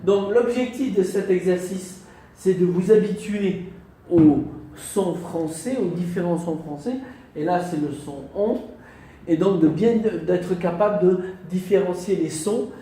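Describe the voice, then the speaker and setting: A man's voice: sits high, a little slow, warm tone, recorded from a distance, faint music behind. A man teaching a French class, patiently repeating words and tagging phrases with little checks to his students. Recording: echoey classroom from afar, faint noise.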